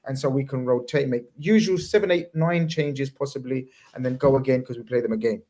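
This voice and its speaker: A man's voice: medium pitch, brisk, dark tone. Rambling man hosting a chat. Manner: rambling, many restarts, slangy. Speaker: podcast host. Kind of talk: casual chat.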